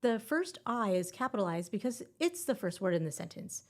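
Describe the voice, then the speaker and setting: A woman's voice: medium pitch, very animated, fairly quick. A woman hosting a scripted exam-prep podcast and teaching grammar in a playful, upbeat way with puns.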